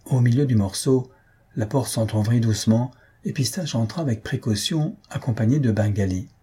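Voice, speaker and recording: A man narrating a comic story for an audiobook, steady and even. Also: medium pitch, normal speed, husky.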